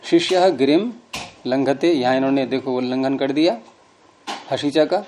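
A man's voice: medium pitch, normal speed, a little mellow, a little hiss or hum. A middle-aged man teaching a grammar class, explaining patiently and quizzing his students. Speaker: Sanskrit teacher.

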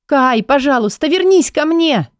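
Audiobook: desperate young woman in love, raised pleading voice, voiced by a woman reader. Mellow, dry close mic. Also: moderate pace, no echo, lightly acted. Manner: high, pleading and emotional.

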